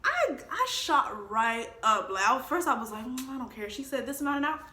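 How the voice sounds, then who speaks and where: A woman's voice: sits high, very animated, moderate pace, sharp tone, reverberant. A woman in her twenties telling a casual storytime vlog, chatty and laughing, acting out the voices of the people in her story. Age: 20s. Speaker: vlogger.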